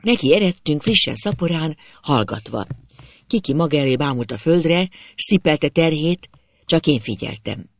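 Gravelly male storyteller, dry sound. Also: fairly high pitch, no room sound. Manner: measured, expressive storytelling. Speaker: narrator. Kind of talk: literary audiobook narration.

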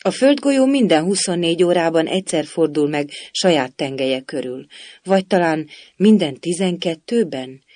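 A man's voice: fairly high pitch, animated, darkish tone, no room sound, natural voice. A man voicing a polite, somewhat shy young girl who talks eagerly. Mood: eager explaining.

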